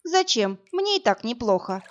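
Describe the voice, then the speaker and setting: A woman voicing a defiant, sharp-tongued young woman who snaps back sarcastically. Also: a little high, big pitch swings, normal speed. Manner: sarcastic and snapping. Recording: dull lo-fi audiobook, faint music.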